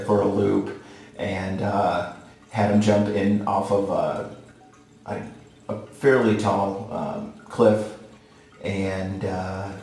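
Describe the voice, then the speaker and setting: A man in his forties talks casually to the camera like a vlogger, with halting, unhurried delivery. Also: fairly low pitch, vocal fry, darkish tone. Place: small tiled bathroom, sitting in a bathtub. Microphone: camera or phone a short distance away. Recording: very echoey tiled bathroom.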